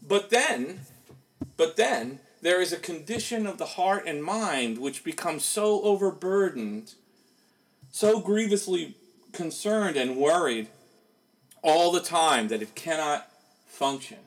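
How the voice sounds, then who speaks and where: A man's voice: a little high, animated, slow pace, poor audio. A man preaching a sermon in a conversational way, asking rhetorical questions as he goes.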